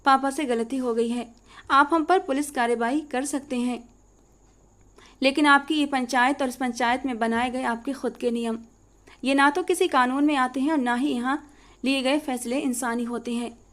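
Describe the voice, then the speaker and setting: A woman's voice: high-pitched, steady tone, moderate pace, fairly bright tone. A woman voicing a defiant young female college student in a storybook reading, speaking out with accusing defiance.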